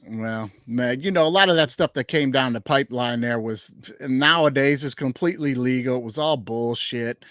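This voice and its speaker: A man's voice: mid-range voice, normal speed, hardly any pauses, a bit bright, dry recording, clean studio sound. A man hosting a sports podcast, chatting loosely with a former player about college recruiting. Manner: chatty, loose, drops a mild curse. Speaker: podcast host. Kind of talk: casual sports interview chat.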